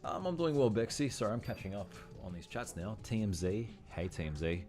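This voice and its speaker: A man's voice: on the low side, sing-song, fairly quick. A man giving chatty livestream commentary while playing, thinking aloud and often correcting himself. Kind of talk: casual gameplay livestream commentary.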